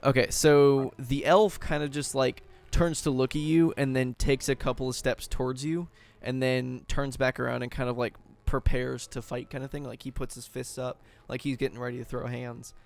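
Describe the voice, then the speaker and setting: A man's voice: medium pitch, flat delivery, normal speed, creaky, few pauses. A man narrating a tabletop game as game master, loose and full of fillers.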